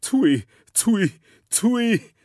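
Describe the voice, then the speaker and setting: Guy putting on a high sing-song sky god, chuckling and mocking, dry sound. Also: sing-song, drawn-out words, darkish tone, dry recording, full character voice.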